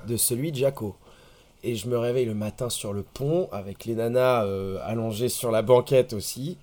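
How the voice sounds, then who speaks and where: A man, a sailor guest on a podcast, telling a long anecdote in a relaxed, laid-back way. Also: medium pitch, moderate pace. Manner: relaxed storyteller, laid-back, many fillers.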